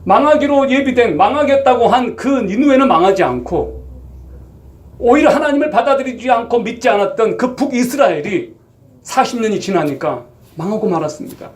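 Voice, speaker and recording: Animated high-voiced man preaching a sermon. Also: normal speed. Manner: animated preaching, frequent rhetorical questions to the congregation. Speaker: pastor.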